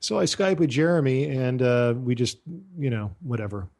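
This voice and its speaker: A man's voice: mid-range voice, expressive, moderate pace, creaky, darkish tone. A man hosting a talk radio show from his home studio, chatting casually with lots of fillers and small laughs. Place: home studio, talking over Skype.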